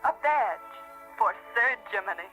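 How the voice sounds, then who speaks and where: Slow, solemn magical fairy, played by a woman. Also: medium pitch, expressive, highs cut off, natural voice. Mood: solemn, kindly. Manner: stately, measured. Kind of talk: 1930s radio drama acting. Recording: old radio broadcast, music behind.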